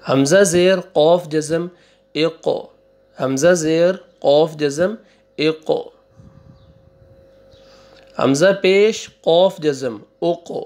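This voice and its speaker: A man teaching Quran reading, spelling out syllables slowly one by one, repeating them and correcting wrong readings. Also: fairly high pitch, darkish tone. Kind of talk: slow spelling-out recitation lesson.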